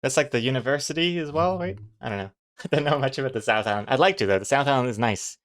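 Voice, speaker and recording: Talking fast in a mid-range voice, a New Zealand comic artist with a blended, not quite New Zealand accent rambles and thinks out loud while chatting casually with livestream viewers.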